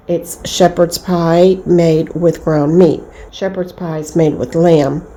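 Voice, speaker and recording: A woman's voice: on the low side, mellow, reverberant, slight background noise, poor audio. A middle-aged woman vlogger chatting at home in a folksy, homey way about entertaining. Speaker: lifestyle vlogger. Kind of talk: casual home chat.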